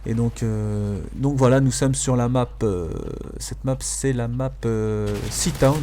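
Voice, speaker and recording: A man's voice: medium pitch, steady tone, slow pace, dark tone. A man giving casual, amused gameplay commentary as a video host, hesitating and repeating phrases for emphasis. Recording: faint noise, game sounds behind.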